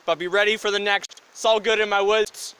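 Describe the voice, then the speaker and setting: A young man with a high, bright voice co-hosts a casual podcast with his brothers. He jokes and rambles eagerly, his pace racing ahead and then dragging. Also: steady tone, fairly quick, clean tone, poor audio. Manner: upbeat, joking, rambling enthusiasm. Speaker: podcast co-host. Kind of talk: casual chat between brothers.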